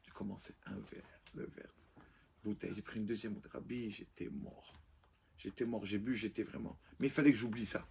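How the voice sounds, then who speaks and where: Remorseful male shopkeeper, done by a man, hushed, halting, confessing, story within a sermon. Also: lowish voice, steady tone, vocal fry, slight background noise, pitched below the performer's own voice.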